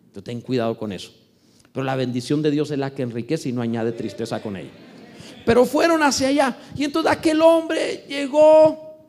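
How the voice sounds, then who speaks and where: A high-voiced man preaching a sermon, animated and dramatic. He swings from loud, stretched-out exclamations to low, quiet asides, and often repeats words as he restarts a thought. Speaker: pastor.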